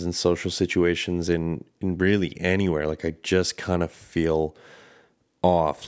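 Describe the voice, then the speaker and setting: Candid, deep-voiced man podcasting solo. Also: clear, resonant tone. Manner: candid, rambling, swears often. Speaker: podcast host. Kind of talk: casual solo podcast monologue.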